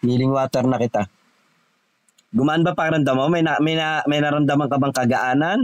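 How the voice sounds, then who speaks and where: A man's voice: mid-range voice, fairly quick, low-quality recording. A man leading an online healing session as a faith healer, speaking in a commanding way and firing off short, repeated questions.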